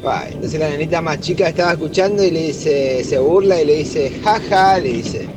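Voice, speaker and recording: A man's voice: fairly high pitch, moderate pace, loud music behind the voice. A man with an Argentine accent telling a long joke as a caller, rambling and repeating himself. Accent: Argentine Spanish. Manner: rambling storytelling with repeated "le dice".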